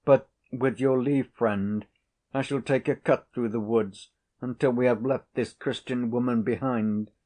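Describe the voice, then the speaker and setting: A man's voice: medium pitch, fairly even intonation, measured pace, mellow, lightly acted. A man reading aloud and voicing an earnest, uneasy young man in a colonial tale. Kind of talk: audiobook character reading.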